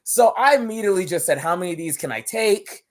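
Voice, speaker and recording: Appearing on a podcast, this wrestler from Barbados spins lively stories in a relaxed way, full of laughter and repeated words. He speaks quickly in a high-pitched voice.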